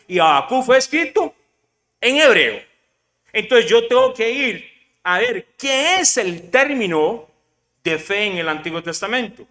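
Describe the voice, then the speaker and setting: Pastor, male, high bright voice, lively questioning sermon delivery, long hall reverb. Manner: lively preaching, rhetorical questions to the congregation, mixes in English words.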